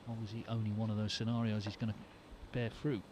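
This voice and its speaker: A man giving measured, understated snooker commentary in a hushed voice. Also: on the low side, completely flat delivery, background noise.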